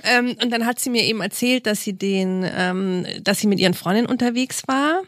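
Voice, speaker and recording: A lively woman tells a family story, slipping into playful voices for each person. Her pitch sits mid-range, and the sound is dry and close, with no room echo. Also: fairly quick. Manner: lively, acts out dialogue with funny voices. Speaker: podcast guest, family therapist. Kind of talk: casual storytelling chat.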